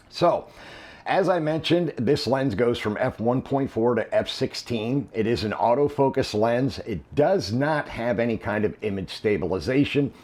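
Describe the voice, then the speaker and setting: A man unboxing and reviewing a camera lens, explaining in a relaxed way with frequent ums and uhs. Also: on the low side.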